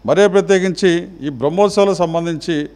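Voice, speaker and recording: A middle-aged man who chairs a temple trust answers a reporter's questions formally and with measured, halting phrases. His voice sits high and sounds a little mellow.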